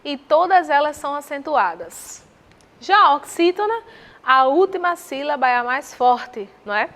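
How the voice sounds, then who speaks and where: A woman with a Brazilian accent teaching Portuguese, walking through exam answers with rhetorical questions and slow repetition of terms. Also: sits high, very animated, a bit bright. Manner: didactic, asks the viewer rhetorical questions; spells out terms slowly and repeats them.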